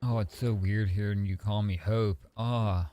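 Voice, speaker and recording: A man streaming, chatting casually in a relaxed, rambling way and swearing freely. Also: on the low side, a little slow.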